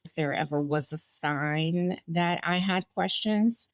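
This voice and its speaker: Her voice low and her pace slow, a woman in her forties, Bulgarian-born and US-raised, tells her life story as a guest in a studio-quality recording without echo. It's a personal storytelling interview, reflective and candid, with small laughs and restarts.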